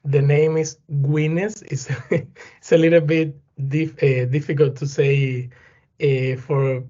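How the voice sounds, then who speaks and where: A man, answering interview questions as a guest in an earnest, halting way with many fillers. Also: a little high, little pitch movement, mellow. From Cuba. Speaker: guest, plant pathology professor. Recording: dull lo-fi sound.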